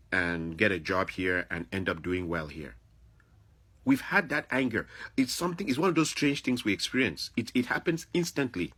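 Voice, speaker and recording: A man's voice: mid-range voice, a bit bright, breathy edge. A man from Africa, speaking straight to camera in emphatic commentary and repeating his points to press them. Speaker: vlogger. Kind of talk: direct-address commentary.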